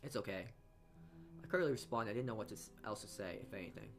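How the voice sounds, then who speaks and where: Reading a visual novel's narration as a let's player, this fairly low-pitched man talks fast, frequently tripping over words, correcting himself and adding personal asides. Game music runs in the background of the recording.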